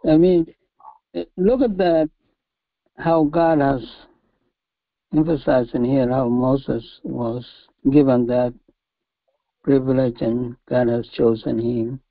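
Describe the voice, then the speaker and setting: A man in a study group sharing a comment in slow, halting speech, repeating words as he goes. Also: medium pitch, fairly even intonation, no room sound, narrow, tinny audio. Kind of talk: casual discussion comment.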